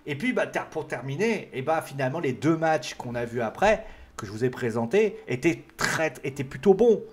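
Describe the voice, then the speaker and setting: A man's voice: fairly high pitch, lively intonation, moderate pace. A man giving a casual, rambling solo review of a wrestling show, full of fillers and restarts.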